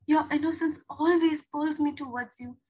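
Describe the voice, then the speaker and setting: A woman's voice: sits high, steady tone, normal speed, darkish tone, pitched above the performer's own voice, natural voice, low-quality recording. Woman voicing a tender, guilt-torn young partner.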